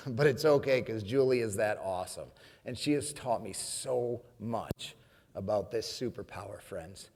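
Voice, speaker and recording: A man's voice: fairly low pitch, unhurried, creaky, a little mellow. Laughing storyteller man in a reverberant hall. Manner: storytelling, laughing often, addressing audience as friends. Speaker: keynote speaker. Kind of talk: humorous motivational speech.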